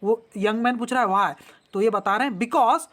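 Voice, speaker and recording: A woman teaching an English textbook lesson, reading each line slowly and then explaining the words one by one, with frequent tag questions. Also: fairly high pitch, fairly bright tone. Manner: adds tag questions to her sentences.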